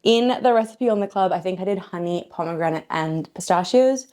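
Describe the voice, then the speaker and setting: A woman's voice: on the low side, brisk, a little mellow. A woman hosting a home cooking video, chatting playfully and joking as she plates a dessert in her kitchen. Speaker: cooking show host. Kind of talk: casual cooking demo chat.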